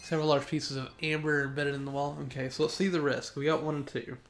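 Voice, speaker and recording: A man's voice: on the high side, little pitch movement, quick pace, a little hiss or hum. Chatty young male gaming streamer. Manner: chatty, reads chat aloud, rambling self-corrections. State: sneezy. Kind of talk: live gameplay commentary.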